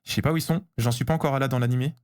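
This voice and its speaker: A man streaming live as he opens trading cards, chatting casually, getting excited and answering his chat. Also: mid-range voice, rapid-fire.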